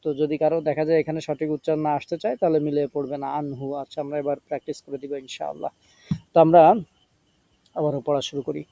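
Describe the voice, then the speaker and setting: Dark-voiced male Quran teacher drilling recitation. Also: a little high, little pitch movement, vocal fry, dry recording. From Bangladesh. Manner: drawn-out chanted recitation between clipped instructions; repeats syllables to drill pronunciation. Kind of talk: online tajweed lesson.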